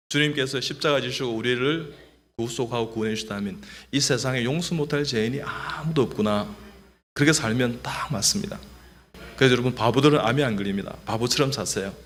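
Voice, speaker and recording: A man's voice: mid-range voice, brisk, slight background noise. A middle-aged man, a doctor, giving a humorous testimony in church and leading the congregation in repeating phrases. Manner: lively, joking, leads the congregation in repeating phrases.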